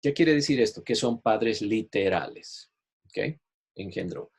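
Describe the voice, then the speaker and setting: A man leads a Bible study, explaining the material patiently and in careful steps. His voice sits a little low and has a faintly husky edge. He keeps checking in with his listeners as he goes. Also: expressive, a little slow. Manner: explanatory, repeats "¿ok?" to check understanding; shares screen while teaching, online class. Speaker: Bible teacher.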